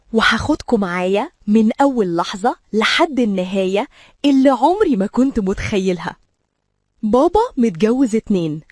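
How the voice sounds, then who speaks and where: A woman's voice: on the high side, darkish tone, no room sound, studio quality. A young woman with an Egyptian accent, telling her own story in a dramatic, emotional scripted narration. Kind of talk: scripted first-person storytelling.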